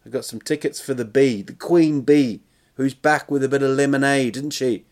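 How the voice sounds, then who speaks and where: A man's voice: mid-range voice, steady tone, normal speed, darkish tone. A man in his forties hosting a solo podcast in a casual, meandering way, hesitant, self-deprecating and prone to swearing. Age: 40s. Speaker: podcast host and touring comedian.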